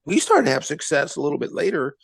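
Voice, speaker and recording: A man's voice: on the high side, quick pace, gravelly, no echo. A man co-hosting a casual sports podcast, talking bluntly and animatedly about his team's coaching. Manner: animated, blunt, swears freely. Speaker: co-host.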